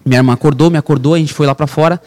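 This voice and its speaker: A man, his voice sitting a little high for a man, tells his life story on a podcast. He speaks with intense, fervent emphasis and keeps turning to his listener as a brother. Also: steady tone, very fast, darkish tone. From Brazil. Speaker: real estate broker, podcast guest. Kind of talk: emotional personal storytelling.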